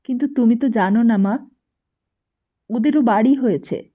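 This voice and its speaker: A woman's voice: on the high side, moderate pace, close to an everyday voice. A woman voicing an earnest young man pressing his mother with questions, in a storybook reading. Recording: dull lo-fi recording.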